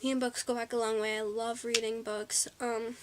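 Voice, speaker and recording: A woman's voice: a little high, little pitch movement, normal speed, background noise. A teenage girl chatting in a casual haul vlog, bubbly and a little out of breath, with lots of ums and likes. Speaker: vlogger.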